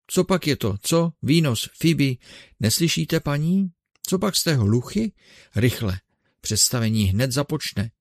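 Man playing older male showman, storybook reading, gravelly, commanding exclamations. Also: medium pitch, animated, no echo, studio quality, pitched above the performer's own voice. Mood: urgent. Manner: exclaiming, bossing others about. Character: eccentric old male showman, gruff and scolding. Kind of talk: audiobook character reading.

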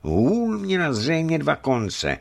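A man narrating a novel as an audiobook, telling it in a dramatic, expressive way. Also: fairly high pitch, creaky.

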